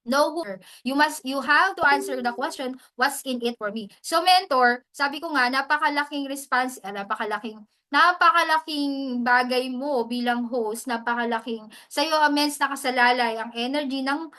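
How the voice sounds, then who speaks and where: Woman, hosting mentor, casual chatty lesson, fairly high voice, video call. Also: normal speed, pushed and bright. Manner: chatty, mixes English into Tagalog, often adds "mens". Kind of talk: casual teaching talk.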